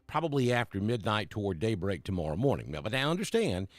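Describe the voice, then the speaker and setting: A man's voice: on the low side, very animated, fast, no echo. A middle-aged man from Alabama, chatting casually on a live weather stream and greeting viewers by name. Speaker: weather broadcaster.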